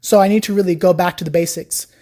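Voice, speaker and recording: With a fairly low voice and a quick pace, a young woman guesting on a podcast recounts her experience learning Chinese. The interview chat is casual, and her storytelling is animated and chatty, full of "like".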